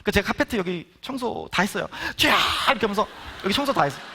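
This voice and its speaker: A man preaching a personal testimony in a high, bright voice that swoops widely in pitch. He tells his story with lively storytelling and acts out the quoted voices as he goes. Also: racing, slightly rough. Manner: animated storytelling, acting out quotes. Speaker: guest speaker at prayer meeting. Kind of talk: testimony sermon.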